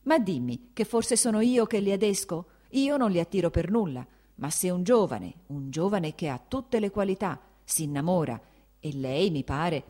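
A woman's voice: fairly low pitch, lively intonation, moderate pace, warm tone. A woman reading an audiobook, voicing an anxious older princess who pleads and protests, close to tears. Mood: defensive. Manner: pleading, nearly tearful.

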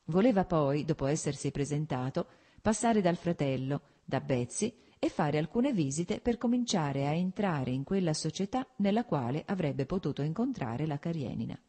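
A woman reads a classic novel aloud in measured audiobook narration. Her voice sits low and sounds warm and mellow, and she keeps an even pace. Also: breathy edge. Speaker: audiobook reader.

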